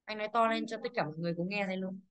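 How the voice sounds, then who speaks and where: A woman's voice: medium pitch, fairly even intonation, rapid-fire, smooth. A woman teaching English to a class, quizzing pupils and drilling pronunciation. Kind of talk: classroom lesson.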